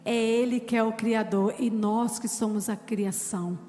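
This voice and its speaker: A woman pastor preaches fervently, weaving personal testimony into her sermon. Her voice sits fairly high and carries a long reverb through the church hall. Soft music plays underneath. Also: fairly even intonation, measured pace.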